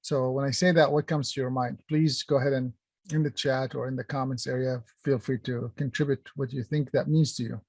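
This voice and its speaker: Middle-aged male workshop presenter from Palestine, mid-pitched and chatty, full of fillers, speaking on a dry close mic. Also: fairly even intonation, brisk, a little mellow, breathy edge, dry recording. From Palestine, raised in Kuwait. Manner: conversational, many fillers and restarts, addresses chat. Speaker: workshop presenter, company founder.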